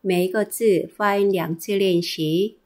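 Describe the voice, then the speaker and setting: A woman's voice: medium pitch, steady tone, a little slow, a little mellow. A woman teaching a pronunciation lesson, enunciating carefully and repeating each drilled syllable. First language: Korean. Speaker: Korean language teacher.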